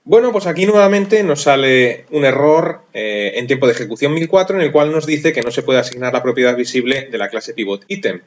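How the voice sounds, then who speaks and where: Talking fairly quickly with hardly a pause, this instructor narrates a coding screencast in a mid-range voice over dull-sounding audio. He works through things methodically, reasoning aloud and making self-deprecating remarks about his typing.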